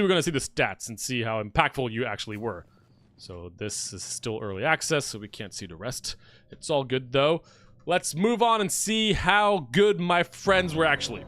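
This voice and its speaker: Animated bright-voiced male game streamer. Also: on the high side. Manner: animated, keeps addressing viewers as "friends". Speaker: gaming streamer. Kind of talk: live gameplay commentary.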